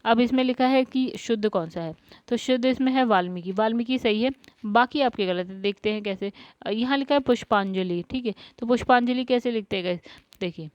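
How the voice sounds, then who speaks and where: A woman's voice: a little high, fairly quick, darkish tone, no room sound. Woman tutor, patient step-by-step spelling walkthrough, dry dull lo-fi sound. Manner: explains step by step, repeats words, says "guys" often. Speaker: Hindi exam tutor.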